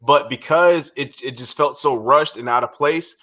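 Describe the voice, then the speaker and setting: A man in the middle of a casual wrestling recap chat, voice at an ordinary middle pitch. He rambles, restarts his sentences and swears freely as he makes his points. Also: moderate pace, sharp tone. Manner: rambling, frequent restarts and profanity. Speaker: podcast co-host.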